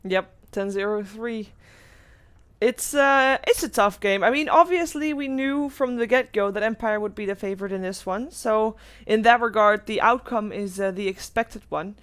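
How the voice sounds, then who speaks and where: A woman co-casting an esports match, relaxed and a little hesitant, with casual fillers. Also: mid-range voice, moderate pace, clear, resonant tone. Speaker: esports commentator.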